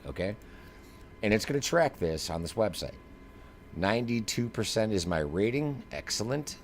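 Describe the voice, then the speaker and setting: A low-pitched, slightly mellow man provides live commentary on a flight simulator demo, sounding like a streamer with casual, slangy, emphatic delivery. Background noise is clearly audible in the recording.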